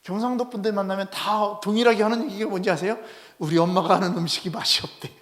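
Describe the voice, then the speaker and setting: A male head pastor preaching a Sunday sermon in a church, animated and constantly asking the congregation rhetorical questions. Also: sits high, fast. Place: church sanctuary.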